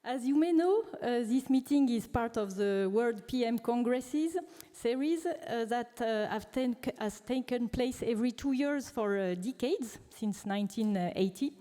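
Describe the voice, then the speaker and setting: Woman, formal welcome, frequent fillers, fairly high pitch, echoing hall. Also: a little slow, hardly any pauses, warm tone. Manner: hesitant, many filler sounds. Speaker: conference co-chair, sales manager. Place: large conference hall. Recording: reverberant conference hall.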